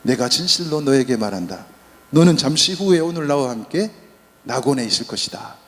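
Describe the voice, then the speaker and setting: A man's voice: medium pitch, expressive, close to an everyday voice. A priest quoting a solemn male savior. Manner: solemn, measured. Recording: long church reverb.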